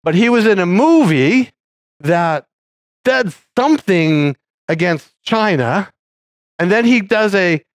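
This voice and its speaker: A man's voice: sits high, expressive, takes it slowly, dry recording. Conversational male pastor, dry sound. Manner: conversational, rambling with frequent restarts. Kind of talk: sermon.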